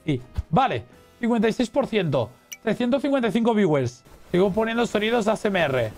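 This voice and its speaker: A man with a Spain Spanish accent giving excitable, exclamatory let's play commentary as a gaming streamer. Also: sits high, a little fast, soft background music. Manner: excitable, exclamatory, cheering and reading chat aloud.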